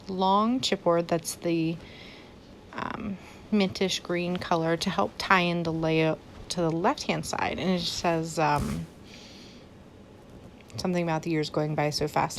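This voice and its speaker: Woman host, low voice, relaxed rambling voice-over; audible background noise in the recording. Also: poor audio. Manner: easygoing, loosely rambling with frequent ums. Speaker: scrapbooking channel host. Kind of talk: relaxed voice-over narrating a craft process.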